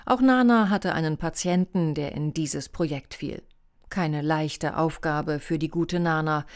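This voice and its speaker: Audiobook narrator, low female voice, steady delivery. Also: measured pace.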